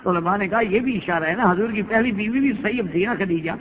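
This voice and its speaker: A male preacher giving a storytelling sermon, acting out dialogue and chanting scripture verses slowly. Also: sits high, a little hiss or hum. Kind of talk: Urdu religious lecture with Arabic recitation. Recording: tinny lo-fi hall recording.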